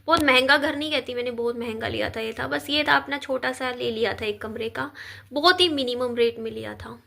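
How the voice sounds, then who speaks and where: Woman in her 30s, sick and tired, talking slow and low into her phone, high bright voice. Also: creaky. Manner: slow, subdued, tired delivery. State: unwell and weak. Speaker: vlogger. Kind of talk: personal talk to camera.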